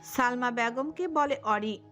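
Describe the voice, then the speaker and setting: A woman narrating a romantic audio story in an expressive storytelling manner. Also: a little high, measured pace, soft background music.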